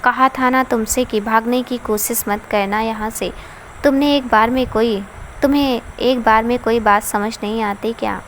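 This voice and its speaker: A woman's voice: fairly high pitch, fairly even intonation, moderate pace, fairly bright tone, a little hiss or hum, lightly acted. A woman voicing a furious, domineering young man. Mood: angry scolding. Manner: harsh, scolding.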